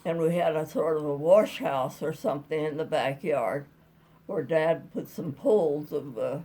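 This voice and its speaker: A woman more than a century old recalls her childhood for an interviewer, storytelling in a folksy, rambling, casual way. She talks at a moderate pace in a low, dark voice.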